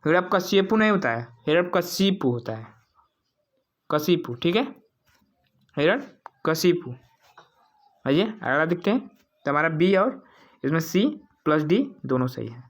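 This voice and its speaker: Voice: mid-range voice, lively intonation, normal speed. A teacher walking through exam spelling questions, asking the viewers and then answering, repeating each word several times. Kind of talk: exam-prep quiz walkthrough.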